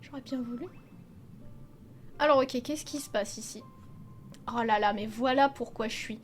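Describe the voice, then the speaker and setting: A young woman with a high, light voice talks her way through a video game in loose, chatty commentary. She exclaims often and swears freely. Faint game music plays quietly behind her. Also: normal speed. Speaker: video game let's player. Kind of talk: casual gameplay commentary.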